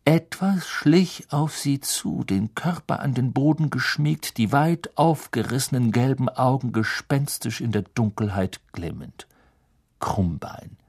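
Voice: mid-range voice, unhurried, few pauses, darkish tone, breathy edge. An audiobook narrator reading a novel in a dramatic storytelling manner. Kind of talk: scripted narration.

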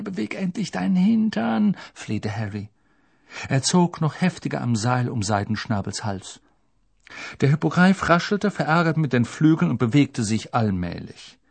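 A man reading an audiobook as narrator, expressive and lively. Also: medium pitch, gravelly, husky. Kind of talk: scripted narration.

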